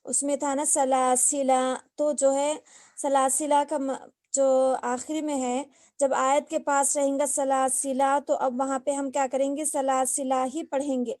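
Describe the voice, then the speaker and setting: A high-pitched woman leads an online recitation lesson. Her tone is mellow and her delivery is patient, stepping through each rule and asking the class questions. The sound is dry and close, like a video call. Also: little pitch movement, a little slow, no echo. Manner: patient, explains step by step with repeated questions. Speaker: Quran recitation teacher.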